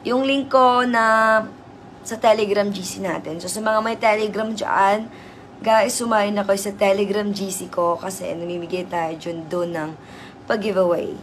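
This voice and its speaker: Hoarse chatty woman livestreamer. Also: medium pitch, fairly even intonation, moderate pace, a little hiss or hum. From Southern Leyte, Philippines. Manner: chatty, teasing, laughs often. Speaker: livestream host. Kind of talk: casual live chat greeting viewers.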